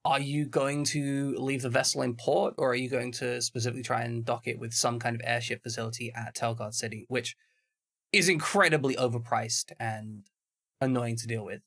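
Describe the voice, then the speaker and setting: A man's voice: mid-range voice, fairly even intonation, normal speed, vocal fry, a bit bright. A man narrating as game master of a tabletop game, chatty and full of asides. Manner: explains at length, chatty with many asides.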